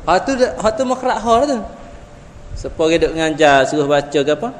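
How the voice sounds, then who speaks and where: A man with a Patani Malay accent teaching Quran recitation in a classroom. He speaks in an animated way, repeats sounds over and over for his students and often chuckles. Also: a little high, normal speed. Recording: echoey hall with faint background noise.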